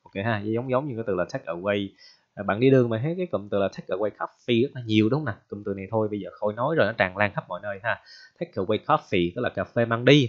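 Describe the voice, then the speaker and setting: A male English teacher gives a casual, joking vocabulary lesson and keeps checking in with his students. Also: on the low side. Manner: chatty, joking, frequent tag questions. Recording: dull lo-fi recording.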